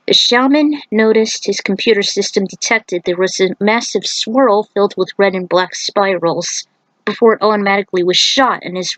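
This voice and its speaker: A fan fiction writer reads her own story aloud in an informal, amateur style, stumbling over words, correcting herself, and adding casual author commentary. Her voice is mid-range, and the recording is dry and rough.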